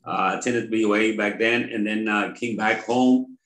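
Older pastor from Mexico, low roomy voice. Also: male voice, fairly even intonation. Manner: warm, halting, many filler uhs. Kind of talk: conversational interview. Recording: roomy echo.

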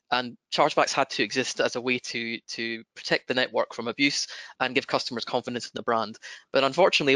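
A man with a broad Scottish accent presenting a webinar in a measured, explanatory manner. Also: medium pitch, pushed and bright, no echo, low-quality recording.

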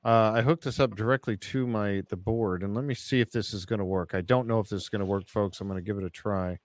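A man's voice: lowish voice, fairly even intonation, quick pace, no room sound. A man hosting a casual radio chat, easygoing and chuckling while fiddling with his equipment. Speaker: radio show host.

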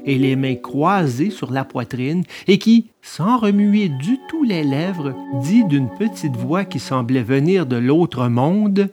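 A storyteller reading a children's tale aloud with expressive, deliberate delivery. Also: mid-range voice, faint music behind. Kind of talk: storybook narration.

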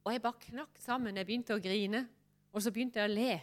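A woman preaching a heartfelt sermon in a church and sharing a personal testimony. She speaks intimately and often drops to a soft near-whisper. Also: fairly high pitch, fairly even intonation. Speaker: pastor.

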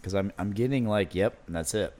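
A man's voice: lowish voice, brisk. A man hosting a casual podcast, chatting loosely while tasting beers, with lots of "you know" and "like". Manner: relaxed, rambling, with many fillers like "you know". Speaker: podcast host.

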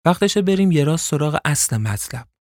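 A man's voice: on the high side, lively intonation, darkish tone, dry recording, studio quality, voice pushed up, lightly acted. A man voicing a cold, seductive female gang boss who mocks and threatens her captives. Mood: menacing. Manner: mocking, taunting, menacing.

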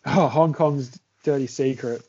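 A man co-hosting a podcast in relaxed, casual chat. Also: medium pitch, unhurried, breathy edge, lo-fi sound. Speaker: podcast co-host.

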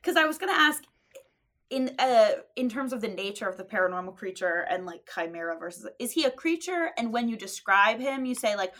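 A woman's voice: fairly high pitch, expressive, a little fast, a bit bright. A woman co-hosting a chat podcast, asking playful, curious questions. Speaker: podcast co-host. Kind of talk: casual chat.

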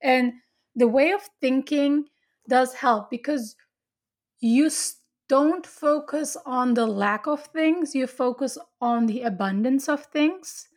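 A woman's voice: sits high, slow pace. A woman chatting casually, earnestly explaining her spiritual beliefs at length with frequent restarts.

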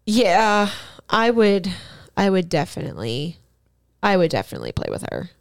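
A woman's voice: mid-range voice, wildly swooping pitch, normal speed, no room sound, studio quality. A woman co-hosting a casual podcast, talking frankly and laughing often. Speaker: podcast co-host. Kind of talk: casual explicit chat.

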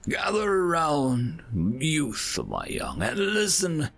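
A man voicing an aged alien elder who tells a legend in a slow, solemn, hushed way. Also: a little high, huge pitch swings, creaky, pitched above the performer's own voice, exaggerated voice. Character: old alien elder telling a sacred legend.

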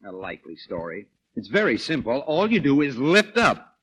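A sarcastic, exasperated leading man in the old Hollywood comedy manner. His medium-pitched voice is bright and very expressive. He clips his lines with dry, wry irony. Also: moderate pace, slightly rough, exaggerated voice. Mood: exasperated, sardonic.

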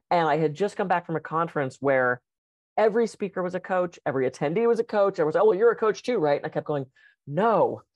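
A woman's voice: deep voice, a little mellow, no echo. A woman podcast co-host and coach telling a candid story in a casual chat, swearing freely. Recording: dry, dull lo-fi sound.

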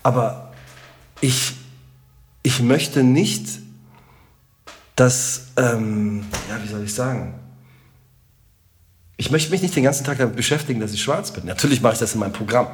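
A middle-aged man with a Rhineland German accent, a comedian chatting as a podcast guest in an animated, joking and emphatic way. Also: medium pitch, moderate pace, pauses often, faint music behind. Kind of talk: casual podcast conversation.

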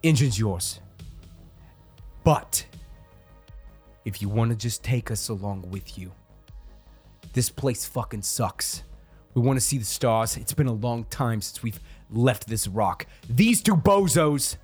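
A man's voice: medium pitch, a little mellow, slightly rough. A man voicing a fed-up male alien brother who takes command, bossy and blunt with plenty of swearing.

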